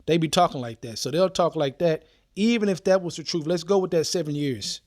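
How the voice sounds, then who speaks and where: A man delivers an informal, urgent sermon in a slightly high voice, reading scripture and dropping street slang between verses. He keeps repeating "okay" and "man" to drive each point home. The recording is dry and close. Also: brisk, darkish tone, no echo. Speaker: preacher.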